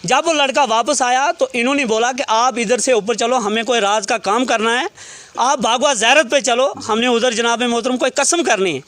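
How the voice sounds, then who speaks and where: A man's voice: very high voice, normal speed, fairly bright tone, no echo. A man, a relative of a murder victim, recounting events to a reporter in detail and quoting what each person said.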